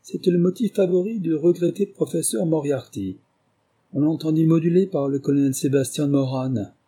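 A man reading aloud, voicing a sly, confident male English detective in a lively, ironic manner. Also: moderate pace, slightly rough. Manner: higher, lively, ironic delivery.

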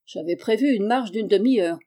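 A sharp, decisive male detective, voiced by a woman reader for an audiobook. The delivery is clipped and direct, with a warm, mellow tone. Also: mid-range voice, fairly quick, natural voice. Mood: calm.

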